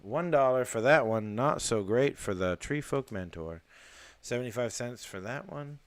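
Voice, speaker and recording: A man hosting a live card unboxing, chatting casually in a rambling way with fillers and excited exclamations. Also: medium pitch, normal speed, no room sound.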